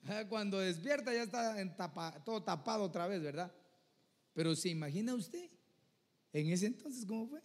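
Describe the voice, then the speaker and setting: Male preacher, high voice, earnest, conversational sermon, keeps checking in with listeners, long echo of a church hall. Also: lively intonation, normal speed. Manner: addresses listeners as "hermano", keeps asking "¿verdad?".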